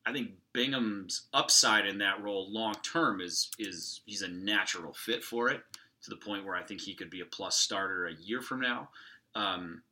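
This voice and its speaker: A man's voice: lowish voice, moderate pace, pushed and bright. A man co-hosting a sports podcast, breaking down a team's rotation in casual chat with frequent fillers. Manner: analytical, lots of hedging fillers. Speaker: podcast co-host.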